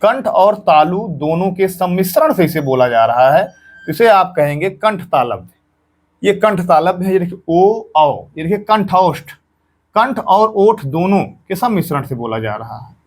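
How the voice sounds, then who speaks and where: A man's voice: sits high, sing-song, measured pace. A male teacher giving an exam-prep grammar lesson, patiently saying each sound aloud and repeating points for students.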